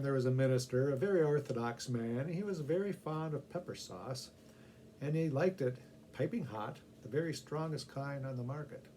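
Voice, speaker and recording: A middle-aged man with a mellow, medium-pitched voice reads short humorous stories aloud, tossing casual asides to the listeners. Faint background noise is audible.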